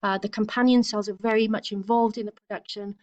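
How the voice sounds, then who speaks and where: A woman's voice: mid-range voice, fairly even intonation, fairly quick, a little mellow, highs cut off. A woman teacher giving a recorded lecture over slides, explaining steadily, with frequent fillers and restarts.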